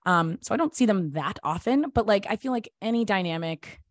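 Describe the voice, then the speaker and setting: A woman's voice: medium pitch, expressive, brisk, dry recording. A woman raised in the American South, speaking frankly and emphatically as a guest in a casual podcast chat.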